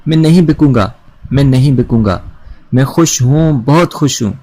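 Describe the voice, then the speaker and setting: A man's voice: medium pitch, no echo, close to an everyday voice. A man reading the part of an enslaved man who refuses to be sold, speaking with emphatic anguish.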